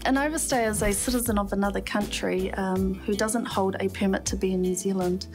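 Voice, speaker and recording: A woman official gives interview answers in a measured, formal manner. Her voice sits mid-range, with faint music behind. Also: mid-range voice, steady tone, a little mellow. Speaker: immigration official.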